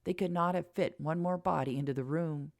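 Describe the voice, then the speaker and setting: A woman narrating a romance audiobook in a calm, even reading. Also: low voice, brisk, vocal fry, no echo, clean studio sound.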